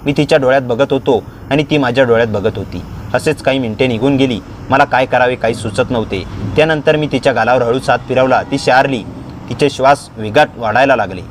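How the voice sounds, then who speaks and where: Steady male story narrator. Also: medium pitch, fairly quick, a little hiss or hum. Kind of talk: first-person story narration.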